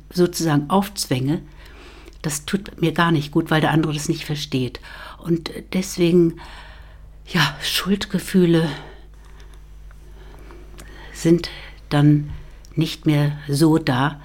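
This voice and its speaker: A woman with a deep, low-pitched voice talks as a guest on a podcast. She speaks in a thoughtful, personal way, pausing often and restarting her sentences. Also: a little mellow, slightly rough. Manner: reflective, halting, with fillers and restarts. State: married.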